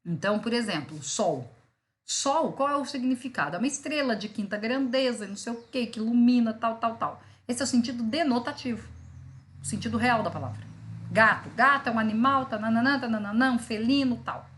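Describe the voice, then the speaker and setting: A woman's voice: on the high side, expressive, a little fast, a bit bright. A Brazilian woman lecturing, explaining word meanings through examples and checking in with "né" and "tá". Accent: Brazilian Portuguese. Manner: explains with examples, many fillers like "né" and "tá". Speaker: law school teacher. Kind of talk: online lecture on vocabulary.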